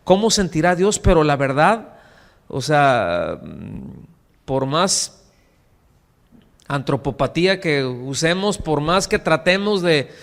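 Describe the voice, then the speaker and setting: A man with a Mexican accent preaching a sermon as pastor, lively, acting out quoted voices and putting questions to his congregation. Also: a little high, slow pace, pauses often. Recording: long church reverb.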